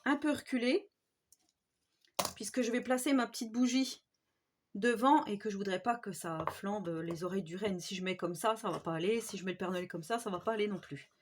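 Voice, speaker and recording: Brisk and medium-pitched, a Haute-Marne craft YouTuber chats hesitantly through a casual DIY video, tossing in "hein" often. Her strong regional French accent has Swiss border touches, and slight background noise is audible.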